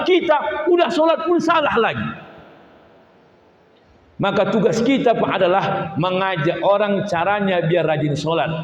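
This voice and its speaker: High-voiced humorous preacher in echoey hall. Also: male voice. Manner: animated, acts out dialogues in playful voices. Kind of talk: humorous sermon. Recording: echoey hall, slightly muffled.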